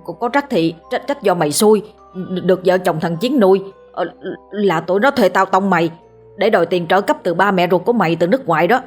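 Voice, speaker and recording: A woman acting out a foul-mouthed drunk of a man from a spoken ghost story, rough and boastful, who stammers and repeats himself when cornered. His voice sits a touch lower than her own, over faint music. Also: moderate pace, long pauses. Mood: panicked. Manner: crude, stammering when scared. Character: drunken middle-aged man, crude, blustering, cowardly.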